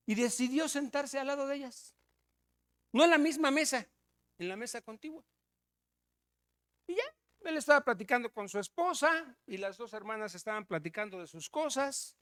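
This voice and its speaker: A man with a Mexican accent preaching a sermon, telling a story with loud emphasis and hushed asides. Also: extremely high pitch, animated, moderate pace, long pauses, smooth.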